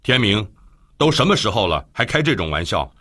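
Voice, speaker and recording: A man voicing a cautious, stern young man in an audiobook, speaking low and reproachfully. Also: sing-song, fairly quick, pushed and bright, heavily acted. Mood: wary. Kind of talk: audiobook character voice.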